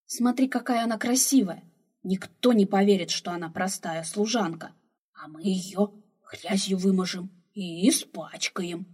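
A woman reading the part of a quarrelsome, excitable old male slave who loves adventure. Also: medium pitch, unhurried, husky. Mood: eager. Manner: loud, scolding, excitable.

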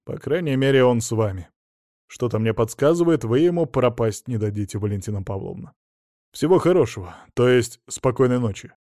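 A man's voice: medium pitch, expressive, a little fast, warm tone, no echo, studio quality, natural voice. A man reading an audiobook, voicing a curt, irritated investigator on the phone. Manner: curt and sour.

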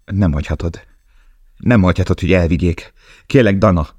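Man reading a book as a desperate young guy prisoner, urgent and bossy, very deep voice. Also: darkish tone, husky, no echo. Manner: urgent, commanding.

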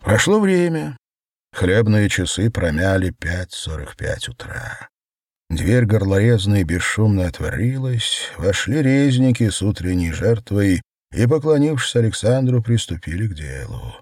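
Deep husky male audiobook narrator. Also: very animated, measured pace, darkish tone, dry recording, clean studio sound. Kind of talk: audiobook reading of surreal prose.

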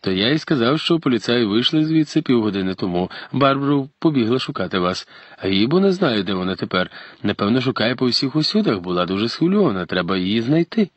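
A man's voice: medium pitch, big pitch swings, quick pace, dry recording, highs cut off, voice pushed up. A man reading an audiobook, voicing a stout, flustered doctor who talks fussily and at length. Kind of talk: audiobook character voice.

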